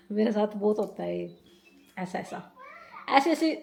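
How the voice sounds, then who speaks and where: A woman's voice: mid-range voice, lively intonation, unhurried, creaky, darkish tone. A woman from India telling a story in a casual vlog. She talks in a rambling, chatty way, often laughing and repeating herself. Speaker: vlogger.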